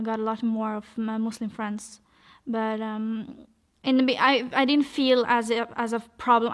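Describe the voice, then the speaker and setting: A young woman from Norway telling her life story in a casual, hesitant way, with many fillers and restarts. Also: fairly high pitch. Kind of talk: personal testimony, casual.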